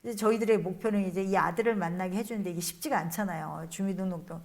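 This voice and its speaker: Nun telling a story in a lecture. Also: female voice, mid-range voice, fast, darkish tone. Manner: colloquial storytelling, acts out the people she quotes. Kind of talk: spiritual lecture told as a personal story.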